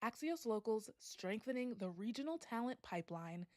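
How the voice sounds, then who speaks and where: A woman announcer calling people to the stage in a slow, formal manner. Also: fairly high pitch, lively intonation, dry recording, studio quality. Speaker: event announcer. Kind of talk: voice-of-god announcements.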